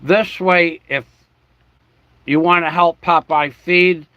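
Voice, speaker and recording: On this lo-fi recording with no room sound, a livestream host from the New York and New Jersey area speaks slowly in a fairly high, fairly even voice that comes across bright and forceful. His chat meanders as he spells things out letter by letter and adjusts his camera mid-sentence.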